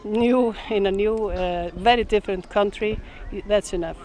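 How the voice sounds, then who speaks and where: A woman's voice: medium pitch, normal speed, darkish tone. Hesitant Icelandic woman giving a speech. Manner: hesitant, frequent restarts and fillers. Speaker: speaker at a school opening. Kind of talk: heartfelt speech.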